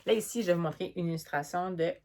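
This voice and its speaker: A young woman with a Québécois French accent, chatting casually about children's books in a lively vlog, with plenty of fillers and restarts. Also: on the low side, quick pace, a little hiss or hum. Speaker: book vlogger. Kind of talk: casual book review vlog.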